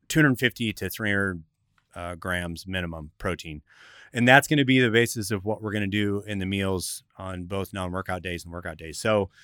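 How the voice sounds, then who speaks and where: A man's voice: medium pitch, fairly bright tone, clear, resonant tone, dry recording, clean studio sound. A man hosting a radio talk show, explaining in an instructive, methodical way like a coach.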